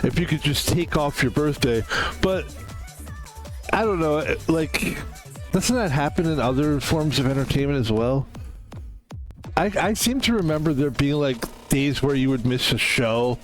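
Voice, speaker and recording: A man's voice: fairly high pitch, unhurried, soft background music, low-quality recording. A man in his fifties chatting casually as a game streamer, rambling and interrupting himself. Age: 50s. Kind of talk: casual gaming stream chat.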